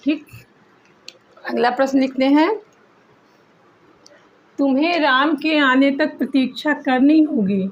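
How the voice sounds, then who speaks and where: A woman teaching Hindi grammar for exams, reading questions aloud slowly and repeating words so students can write them down. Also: sits high, muffled recording, a little hiss or hum. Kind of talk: exam-prep grammar lesson.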